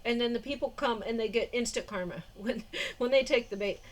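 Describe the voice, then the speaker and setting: Speaking quite quickly in a somewhat high voice, a vlogger in her forties chats through an offhand diary-style video. She laughs a lot and fills her rambling with fillers, recorded inside on a phone or camera microphone.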